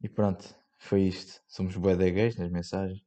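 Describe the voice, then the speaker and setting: A young man with a European Portuguese accent rambles through his solo podcast in loose slang, full of fillers and the odd swear word. His voice sits low and comes across dark and mellow. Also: level tone, moderate pace. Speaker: podcast host. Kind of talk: casual solo podcast chat.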